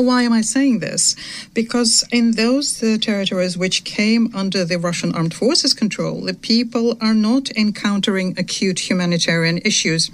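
A live interpreter voice rendering a formal statement in real time, sitting at an ordinary middle pitch. The delivery is halting and uneven, with restarts and self-corrections as the words are found on the fly. It stays formal throughout. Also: rough recording. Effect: live simultaneous interpreter voice. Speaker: interpreter for a diplomat.

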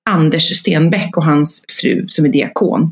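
A woman's voice: sits low, creaky, echoey room. A middle-aged woman chatting casually as a podcast host, telling anecdotes with lots of expression and acting out bits of dialogue. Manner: lively storyteller, acts out voices in anecdotes. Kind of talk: casual chat.

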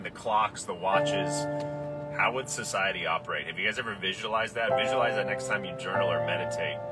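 A man's voice: on the low side, far from the mic. A man, a podcast guest, talking earnestly and ramblingly in a casual spiritual chat, often turning to address listeners directly.

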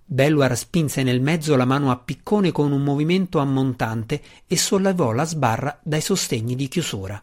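A man's voice: medium pitch, normal speed, hardly any pauses, a little mellow. Man narrating a fantasy novel. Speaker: audiobook narrator.

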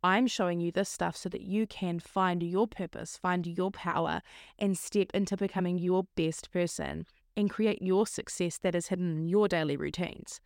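Clear, slightly croaky woman podcast host. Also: lowish voice, fairly even intonation, normal speed, a little mellow, dry recording, clean studio sound. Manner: encouraging, earnest. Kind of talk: solo motivational podcast talk.

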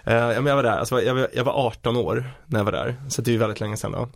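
A man co-hosting a podcast in casual chat, telling jokes and stories with animated voice impressions. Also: gravelly, no echo, studio quality. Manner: animated storyteller, mimics voices with big pitch jumps; fillers and restarts, joking. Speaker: podcast co-host.

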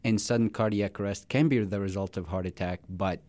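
Syrian-born man explaining calmly, low voice. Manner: measured, explanatory, frequent hesitations. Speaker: cardiologist guest. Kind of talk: medical interview.

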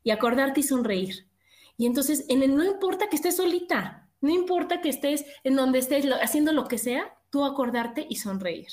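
A middle-aged woman with a Mexican accent, telling stories in an animated, expressive casual chat. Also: high voice, moderate pace. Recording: echoey room.

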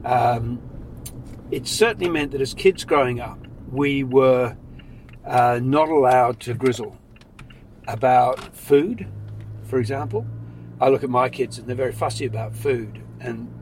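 A middle-aged man, born in Sri Lanka and raised in New Zealand, talks through his family story in a casual interview in a car. He speaks in a measured, reflective way, and his sentences often trail off softly. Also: medium pitch, low-quality recording. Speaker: interview guest. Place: inside a car. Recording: faint road noise.

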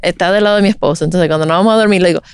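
A woman's voice: on the low side, racing, clear, resonant tone, no room sound. Agreeable middle-aged woman, dry close sound. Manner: agreeable, affirming, frequent backchannels. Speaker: podcast host, mother. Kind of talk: casual chat.

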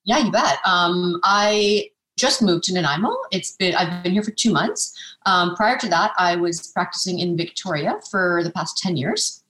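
A woman speaking with a fairly low voice answers interview questions earnestly. She restarts her phrases and often adds a questioning "right?". The sound carries a roomy echo. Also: moderate pace, fairly bright tone. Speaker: naturopathic physician guest.

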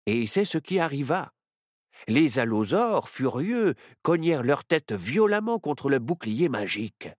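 A man narrating a children's story in an expressive, playful way. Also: mid-range voice, unhurried, no room sound, clean studio sound.

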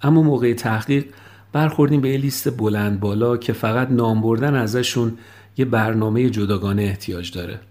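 A male podcast host giving calm, scripted narration with personal asides. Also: mid-range voice.

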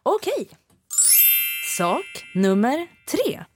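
A woman's voice: high voice, huge pitch swings, faint music behind. A young woman co-hosting a podcast in casual chat, joking and playful. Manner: playful, joking, quick asides. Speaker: podcast co-host.

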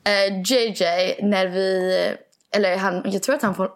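A young woman co-hosting a podcast, chatting casually in a lively, playful way. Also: medium pitch. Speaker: podcast co-host. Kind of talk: casual chat, mixing Swedish and English.

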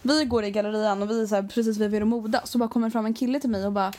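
A woman's voice: a little high, fairly even intonation, a little mellow. A young woman co-hosting a podcast, chatting casually and acting out a story with voices and casual swearing. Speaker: podcast co-host. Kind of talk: casual chat.

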